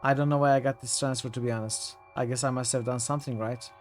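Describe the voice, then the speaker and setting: A man's voice: mid-range voice, steady tone, fast talker, soft background music, natural voice. A man voicing a polite, deferential young male cadet who speaks formally, like a butler, and keeps calling others sir. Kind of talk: voicing a character while playing a video game.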